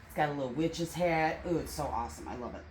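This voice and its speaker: A woman's voice: low voice, fast talker, darkish tone. A woman chatting casually and enthusiastically in a home haul vlog, bubbly and jokey. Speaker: vlogger. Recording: roomy with light background noise.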